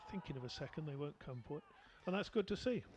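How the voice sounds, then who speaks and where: A man's voice: on the high side, animated, fast, a little mellow, slight background noise. A man doing live cricket commentary, chatty and rambling with lots of fillers, from a commentary position at the ground.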